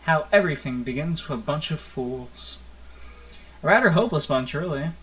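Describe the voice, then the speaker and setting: Reading a visual novel for his audience, a male gaming host speaks at normal speed in a fairly high, animated voice with a fairly bright tone. The delivery is theatrical and storybook-like, peppered with casual asides. Audio quality is poor, and plucked guitar game music runs underneath.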